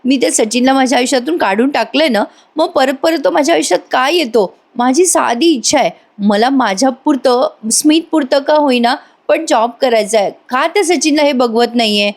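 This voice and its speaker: A woman reads aloud a TV serial recap, voicing a young daughter who is upset and fed up with her lot, pleading and complaining. She pitches her voice a little above her own, higher than average, with light acting, normal speed and hardly any pauses.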